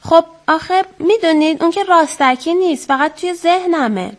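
A woman voicing a frightened, earnest little girl in a children's story, with a high pleading child voice.

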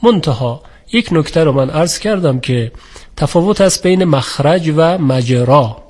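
A man teaching a formal, measured lecture on the articulation of letters for Quran recitation. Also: fairly high pitch, lively intonation, darkish tone. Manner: measured, formal, with polite set phrases. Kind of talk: explanatory lecture on pronunciation.

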